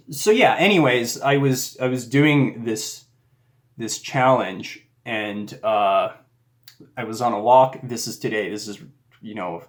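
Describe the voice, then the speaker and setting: A man talking casually and earnestly about a personal faith experience, rambling with frequent restarts. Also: mid-range voice. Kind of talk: casual reflective monologue.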